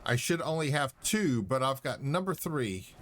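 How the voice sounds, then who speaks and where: A man's voice: mid-range voice, expressive, moderate pace, a bit bright, slight background noise. A man streaming a space game, chatting casually and talking back to the game. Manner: rambling, talks back to the game. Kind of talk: casual chat while playing.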